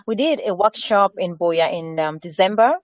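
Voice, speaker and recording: A woman's voice: lowish voice, expressive, moderate pace, dry recording. A woman speaking as a health educator in an earnest interview, repeating key phrases for emphasis. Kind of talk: earnest conversational discussion on health.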